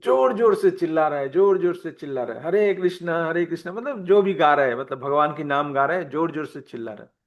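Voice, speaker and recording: A man's voice: on the high side, lively intonation, a little fast. A man telling a devotional story to a class in a plain manner, repeating phrases for emphasis, heard in a dull lo-fi recording.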